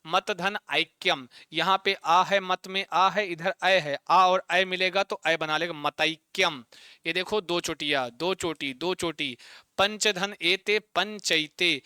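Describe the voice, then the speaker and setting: A man teaching a Sanskrit exam-prep lesson online, drilling students with repeated check-in questions and spelling out word parts slowly, syllable by syllable. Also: on the high side, pushed and bright, clean tone, dry recording, clean studio sound.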